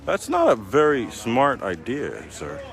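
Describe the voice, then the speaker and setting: A man's voice: mid-range voice, huge pitch swings, takes it slowly, vocal fry, fairly bright tone. A man live-streaming outdoors on a city street at night, chatting casually in a rambling, joking way with plenty of fillers. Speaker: livestreamer.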